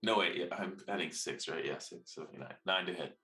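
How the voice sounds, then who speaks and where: Dude at a tabletop game calling his moves, really deep voice, roomy sound. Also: moderate pace, bright, forceful tone. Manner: informal, thinking aloud. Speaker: tabletop role-playing player. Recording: roomy echo, faint music behind.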